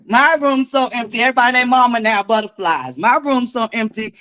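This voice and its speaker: A woman hosting her own live stream, talking in a loud, boisterous and sassy way, sometimes bursting into shouts. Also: on the high side, fairly quick. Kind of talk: casual live-stream commentary.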